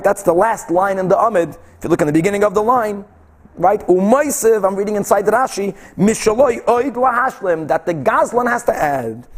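A man's voice: sits high, expressive, a little fast. A man gives a Talmud lesson. He reads from the text and explains it as he goes, posing questions, answering them himself and repeating key phrases for emphasis. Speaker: Talmud teacher. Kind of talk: religious text lesson, reading and explaining aloud.

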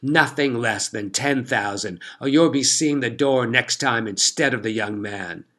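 A brutish drunk duke roars and cackles with scorn, as a male narrator puts him on. His lines come slow and loud. It is a storybook reading. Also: mid-range voice. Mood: grudging.

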